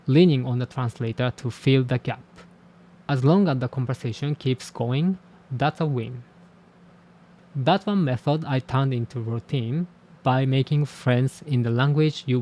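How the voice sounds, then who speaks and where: Speaking as a language teacher and host of his own channel, a man whose first language is Japanese reflects on camera about language learning. His medium-pitched voice is a touch mellow, and his manner is frank, measured and self-deprecating.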